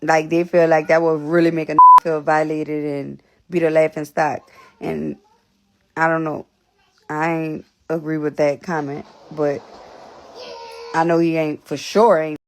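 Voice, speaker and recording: Blunt, breathless woman with vocal fry. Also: deep voice, level tone, measured pace. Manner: blunt, repetitive, profane. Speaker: livestream host. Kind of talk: casual livestream talk to viewers.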